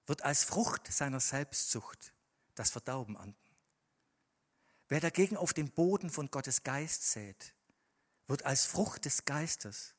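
A male preacher delivering a sermon in a church hall, his slightly husky voice carrying a long, ringing reverb around him. His pitch rises and falls widely as he shifts from hushed, deliberate scripture reading to loud, passionate appeals. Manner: swings from quiet, measured reading to loud, impassioned emphasis.

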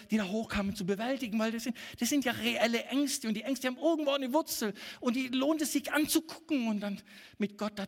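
Middle-aged pastor man preaching, husky voice, lively pitch, big echoey hall. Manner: animated, emphatic preaching with sudden loud outbursts. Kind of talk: sermon. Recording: long reverb of a church hall.

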